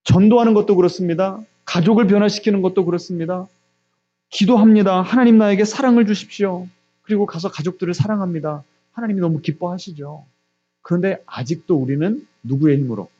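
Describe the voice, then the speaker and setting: A man's voice: fairly quick, highs cut off, faint music behind. A man preaching a sermon as pastor, asking the congregation questions and answering them himself. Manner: acts out God's voice with quiet, low asides.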